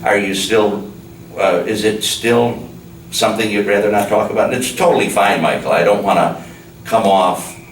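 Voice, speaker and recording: A man's voice: fairly low pitch, moderate pace. A man hosting a conversational interview, putting questions in a careful, deferential, hesitant way. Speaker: show host. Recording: roomy, distant mic with clear background noise.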